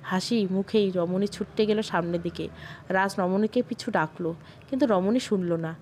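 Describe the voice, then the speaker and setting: A woman's voice: medium pitch, moderate pace, a little mellow, a little hiss or hum. Woman narrating an audio story.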